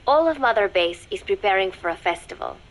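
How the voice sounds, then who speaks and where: A woman's voice: medium pitch, expressive, natural voice, poor audio. A woman voicing a reserved teenage girl's diary. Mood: reflective. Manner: measured, formal, quiet with soft whispered dips. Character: reserved teenage girl keeping an audio diary. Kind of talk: game audio diary narration.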